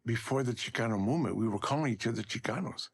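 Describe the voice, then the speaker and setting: A man from Los Angeles in a casual interview, reminiscing in a relaxed way. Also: mid-range voice, fast, creaky, slightly rough.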